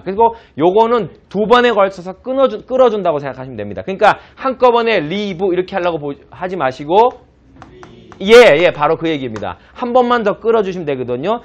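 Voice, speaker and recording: Male pronunciation teacher, slightly high voice, patient explainer who drills the class, dull lo-fi audio. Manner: explains patiently, models English words slowly; asks the class to repeat after him. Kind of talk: classroom lecture.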